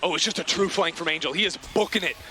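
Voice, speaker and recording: A man working as an esports caster, giving animated, emphatic analysis of the match. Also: fairly high pitch, fast talker. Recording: clear background noise.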